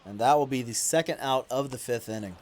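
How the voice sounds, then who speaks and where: A man's voice: medium pitch, a little fast, slight background noise. Man commentating his video game playthrough. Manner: relaxed commentary, flaring into loud indignant complaints at calls. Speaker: gaming YouTuber. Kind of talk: casual play-by-play commentary over a video game.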